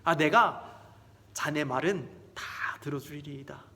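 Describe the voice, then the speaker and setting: A man's voice: unhurried, bright, forceful tone. A man voicing a pompous king who speaks in a stately, old-fashioned way. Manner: stately archaic speech, booming. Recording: long church hall reverb.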